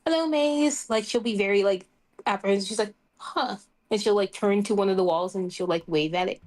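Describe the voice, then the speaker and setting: A woman's voice: mid-range voice, level tone, fast talker, darkish tone. Giggly woman describing her character. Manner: giggly, rambling with many fillers. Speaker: player. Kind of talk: casual tabletop role-play chat.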